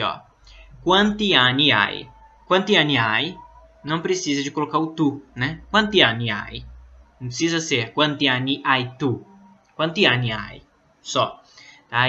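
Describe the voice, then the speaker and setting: A Brazilian man with a very bright, sharp voice at an ordinary pitch, teaching Italian in a loose, conversational way. He explains things patiently and keeps checking in with "né?" and "tá?". The recording is dull and lo-fi. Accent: Brazilian Portuguese. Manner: explains slowly, many fillers like "né?" and "tá?". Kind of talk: casual online language lesson. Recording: dull lo-fi sound.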